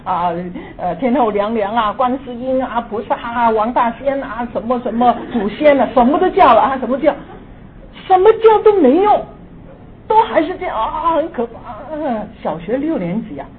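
A woman in her sixties telling a personal ghost story, moving between hushed and excited. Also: fairly high pitch, normal speed. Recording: tinny phone-like audio with faint hiss.

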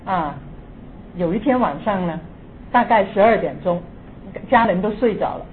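A woman's voice: medium pitch, moderate pace. Older woman telling a ghost story. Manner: lively, swings between hushed and excited. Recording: tinny phone-like audio with faint hiss.

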